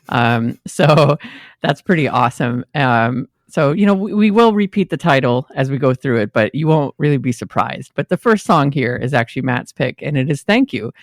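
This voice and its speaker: Here is a man co-hosting a music podcast, friendly and talkative, with plenty of filler ums. His pitch sits in an ordinary middle range. The sound is close and dry, with no room around it. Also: dry recording. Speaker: podcast co-host. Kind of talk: casual chat.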